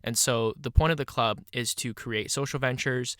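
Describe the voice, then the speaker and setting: A man's voice: medium pitch, fairly even intonation, normal speed, a bit bright, no echo, clean studio sound. A man of twenty-one with a stuffy nose hosting his own podcast, talking casually and reflectively with lots of "you know" fillers. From Canada. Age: 20s. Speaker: podcast host. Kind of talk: solo podcast monologue.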